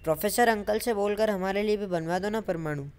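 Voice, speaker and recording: A woman's voice: medium pitch, fairly quick, darkish tone, clear, resonant tone, lightly acted. A woman voicing a mischievous young man in a comic voice-over dub, begging and teasing. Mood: wheedling.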